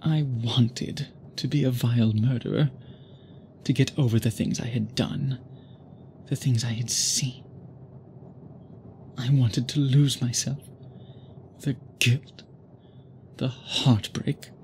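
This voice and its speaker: Performing an immortal vampire suitor consumed by obsession and guilt, a man speaks very slowly in formal, halting phrases with the brooding intimacy of an ASMR drama, bitter and intense. His medium-pitched voice is gravelly, a little mellow and fairly even in intonation, with noticeable background ambience and slight noise behind it.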